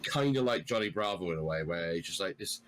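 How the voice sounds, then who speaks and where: A man's voice: deep voice, lively intonation, fast, fairly bright tone, low-quality recording. A man guesting on a podcast, chatting casually and bluntly, swearing freely. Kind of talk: casual chat.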